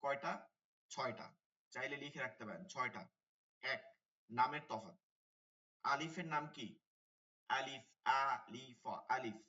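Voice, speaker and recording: A man's voice: mid-range voice, a little slow, pauses often, pushed and bright, distant mic, dull audio. A man teaching an online tajweed class, repeating key terms and asking his students questions. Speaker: Quran teacher.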